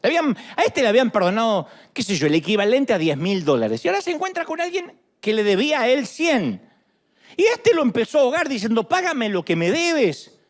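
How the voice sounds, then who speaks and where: A middle-aged Argentine man preaching a sermon, animated and full of playful jokes. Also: very high voice, fast. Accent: Argentine Spanish. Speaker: pastor.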